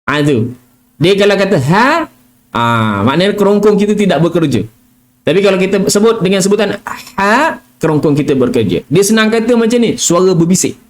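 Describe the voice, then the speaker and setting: A middle-aged man with a Malaysian Malay accent leads a relaxed live lesson on Quran recitation, with a voice that sits a little higher than most men's. He talks in a loose, chatty way and keeps checking in with his listeners with "kan?" and "ah". Every so often he slips into a soft whisper or a sung recitation to show how a letter should sound. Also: fairly quick. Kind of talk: casual live tajwid lesson.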